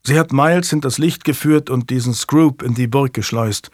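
A man's voice: medium pitch, normal speed, no echo, clean studio sound, close to an everyday voice. A man voicing a curt, guarded young male servant in a storybook.

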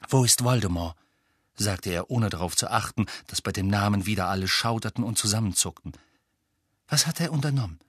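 A man narrating a novel aloud in an expressive reading style. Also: lowish voice, no room sound, clean studio sound. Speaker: audiobook narrator. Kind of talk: scripted narration.

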